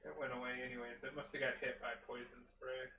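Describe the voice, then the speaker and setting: A man's voice: medium pitch, little pitch movement, fast talker, bright, forceful tone, highs cut off, a little hiss or hum. Teasing man on a distant roomy mic. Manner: teasing, dry asides. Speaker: co-player. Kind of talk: casual gameplay chat.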